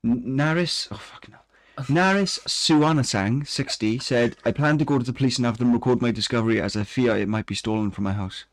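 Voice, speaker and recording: A man's voice: mid-range voice, brisk, few pauses, no echo. A man co-hosting a casual podcast, reading odd news stories aloud with dry asides and frequent laughter. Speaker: podcast co-host.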